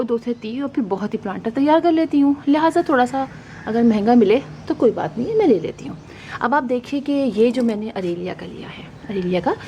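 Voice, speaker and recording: A woman's voice: fairly high pitch, mellow, low-quality recording. A middle-aged woman, chatting casually and rambling with many fillers as she shows her new plants. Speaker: gardening vlogger. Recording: faint background noise.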